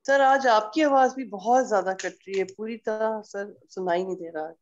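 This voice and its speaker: A man's voice: high voice, lo-fi sound. A male student in an online class, giving short polite replies to the teacher. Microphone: online call audio.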